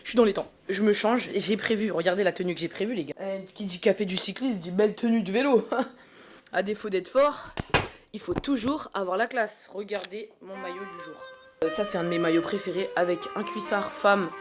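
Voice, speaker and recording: A woman's voice: mid-range voice, a little fast, music in the background. A woman with a French accent, chatting casually to camera as a cycling vlogger, upbeat and full of fillers, filming on a handheld phone. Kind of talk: casual vlog chat to camera.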